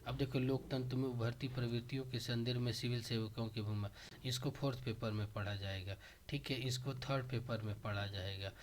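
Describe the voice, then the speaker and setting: A man teaches an informal exam-prep lesson, speaking at an ordinary middle pitch. He guides students through the syllabus step by step and keeps checking that they follow along. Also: steady tone, a little fast, slight background noise. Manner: instructive, addresses students directly, frequent checks for understanding.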